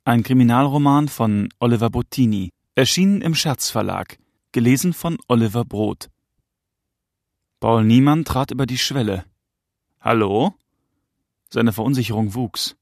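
A man narrating an audiobook of a crime novel with a gravelly texture to his mid-range voice. His reading is measured and tense, recorded dry and close with no room sound. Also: medium pitch, darkish tone, no room sound.

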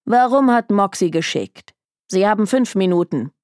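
A woman's voice: mid-range voice, lively intonation, normal speed, a little mellow, no room sound, studio quality, close to an everyday voice. A woman voicing an arrogant, bored young male detective who talks in a scornful, dismissive drawl.

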